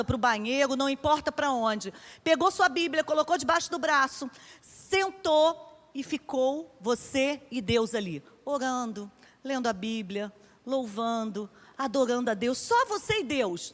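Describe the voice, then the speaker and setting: A woman's voice: high voice, a bit bright, in a large hall. A woman pastor with a Brazilian Portuguese accent preaching a sermon, telling stories in a conversational way and acting out the dialogue.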